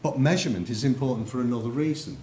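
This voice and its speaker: A man's voice: mid-range voice, animated, very fast, mellow. A man with an English accent giving a conference talk, telling anecdotes and speaking directly to the audience. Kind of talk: presentation to an audience. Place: lecture room. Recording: echoey lecture room, faint noise.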